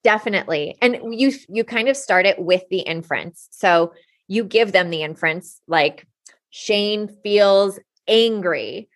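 A young adult woman teacher, a podcast guest, telling classroom stories in an animated way and laughing often. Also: lowish voice, moderate pace. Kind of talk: conversational interview.

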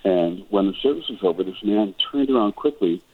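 A man's voice: on the low side, animated, a little fast, husky. An older man from Wisconsin, a musician guest on a radio interview, talking reflectively and rambling with frequent restarts. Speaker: guest musician and choral director. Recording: tinny phone-like radio audio.

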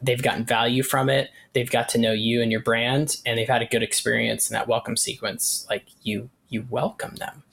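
A man's voice: medium pitch, steady tone, moderate pace, creaky, hardly any pauses, a bit bright. A man giving casual, explanatory advice as an interview guest, talking conversationally and acting out little example lines. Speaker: guest email marketing expert.

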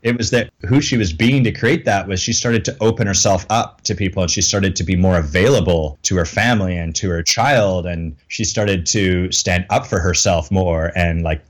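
A middle-aged man with a notably low, deep voice speaks as a coach in an interview. He is candid and self-deprecating and often laughs at himself. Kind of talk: reflective interview talk.

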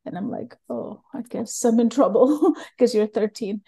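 A woman's voice: fairly high pitch, unhurried, vocal fry, warm tone, slightly rough. A middle-aged woman from Sri Lanka, a guest telling her story openly and earnestly in loose rambling phrases. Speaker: guest, learning method creator. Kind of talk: candid personal interview.

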